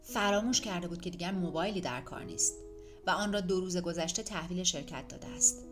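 Woman reading an audiobook, steady, lowish voice, soft music behind. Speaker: narrator. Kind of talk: audiobook narration.

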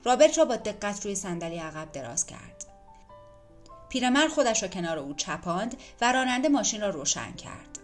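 A woman reading an audiobook in a measured, dramatic storytelling manner, with faint music behind. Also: mid-range voice, very animated. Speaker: narrator. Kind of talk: audiobook narration.

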